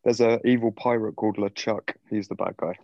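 A man's voice: lowish voice, fairly even intonation, fairly quick, mellow, dry recording, highs cut off. A man playing along in a casual quiz, answering in a matter-of-fact way. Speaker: quiz contestant. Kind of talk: casual podcast quiz chat.

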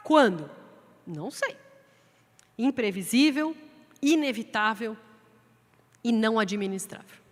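A woman with a Brazilian Portuguese accent preaching a sermon in a lively way, acting out quoted voices. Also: slow, pauses often. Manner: lively, acts out quoted voices in a raised pitch. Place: church sanctuary. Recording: long hall reverb from the church sanctuary.

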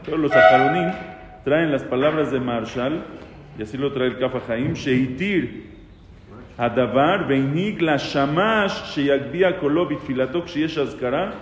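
A man's voice: medium pitch, measured pace, slight background noise. Man teaching in an echoey hall. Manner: conversational, asks questions, quotes Hebrew prayers aloud. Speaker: rabbi teaching a class. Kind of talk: casual halachic lesson. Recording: echoey hall with faint ambience.

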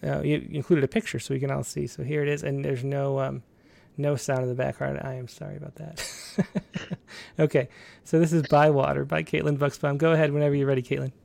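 A man's voice: on the high side, flat delivery, a little fast, gravelly, darkish tone. A man hosting an online poetry show in an informal, slightly hesitant way, moving between chat and reading aloud. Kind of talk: casual hosting and poem reading.

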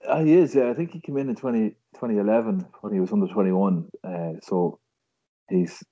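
A man's voice: lowish voice, brisk, dark tone. A man with an Irish accent giving casual sports analysis as a podcast pundit. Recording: dry but slightly dull podcast audio.

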